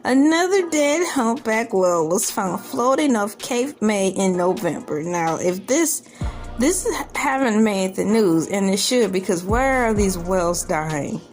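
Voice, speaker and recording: Over a bed of background music, a female video host riffs on a news article in a casual, comedic way, tossing in incredulous jokes and rambling asides. Her voice is medium in pitch, animated, and kept at a measured pace.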